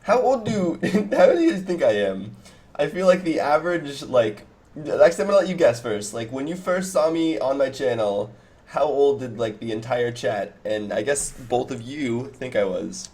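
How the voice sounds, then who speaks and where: A man's voice: mid-range voice, animated, normal speed, a little mellow. Young man rambling on a headset call. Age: 20s. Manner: rambling, laughs often, many restarts. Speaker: cannabis streamer. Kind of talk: casual live-stream chat. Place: small home room, indoors. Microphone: headset, video call.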